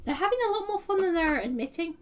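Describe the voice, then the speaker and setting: A woman's voice: extremely high pitch, lively intonation, quick pace, distant mic. A woman giving a casual, rambling tarot reading on a live stream, with many fillers and hedging words. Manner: chatty, meandering, lots of fillers and "like". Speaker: tarot reader.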